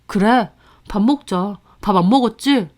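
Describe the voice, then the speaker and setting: A woman voicing a deceitful, obsessive middle-aged husband who snaps and shouts defensively. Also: mid-range voice, measured pace, natural voice. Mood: flat.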